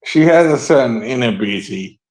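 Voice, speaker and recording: A man's voice: medium pitch, lively intonation, normal speed, a little mellow, poor audio. A man hosting a casual podcast chat, rambling and hesitant with many fillers and frequent laughs. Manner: laughs often. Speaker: podcast host.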